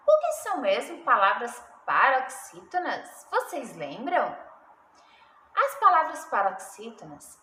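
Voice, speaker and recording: A woman teacher reading a story and explaining a grammar lesson, talking slowly with many questions to her pupils. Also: high voice, bright, forceful tone. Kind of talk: recorded remote class lesson, story reading. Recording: echoey room with faint background noise.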